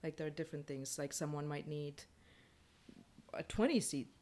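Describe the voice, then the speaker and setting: A woman with a low, somewhat dark voice speaks at a moderate pace. She's a playwright on a casual panel, voicing her opinions frankly and frequently restarting her sentences.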